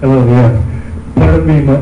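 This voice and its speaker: A man's voice: medium pitch, steady tone, normal speed, noisy background. A man asking casual questions as a pageant judge. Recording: dull, echoey, music behind.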